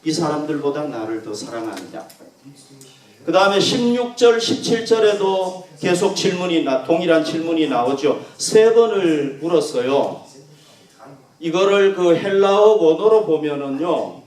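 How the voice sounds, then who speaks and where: A man preaching a sermon as pastor, earnest and emphatic, swinging from loud stresses to soft, quiet endings. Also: high voice, a little slow. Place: church sanctuary. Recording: echoey church room from a distance.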